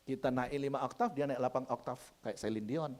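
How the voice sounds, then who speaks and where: A man preaching a lively, humorous sermon, often addressing the congregation and acting out quoted couples. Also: mid-range voice, brisk. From Sumatra. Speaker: pastor.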